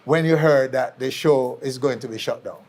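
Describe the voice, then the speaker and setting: A man with a Jamaican accent presents and interviews on an entertainment show, speaking in a deliberate, clarifying manner. His voice is medium-pitched and a little mellow.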